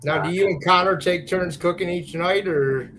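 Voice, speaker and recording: A man's voice: high-pitched, normal speed, crowd noise, low-quality recording. A man hosting a podcast, chatting casually and putting fan questions to a guest. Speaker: podcast host.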